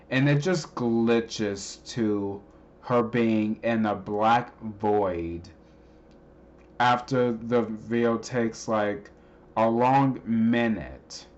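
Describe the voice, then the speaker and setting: A man casually explaining a creepy cartoon clip, rambling with many pauses and restarts. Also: lowish voice, highs cut off. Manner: hesitant, many ums and restarts. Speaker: video narrator explaining a clip.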